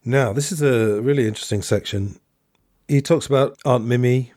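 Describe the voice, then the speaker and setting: A man's voice: mid-range voice, moderate pace, a little mellow, dry recording, studio quality. A man hosting a podcast, chatting to listeners and reading passages aloud from a book. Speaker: podcast host.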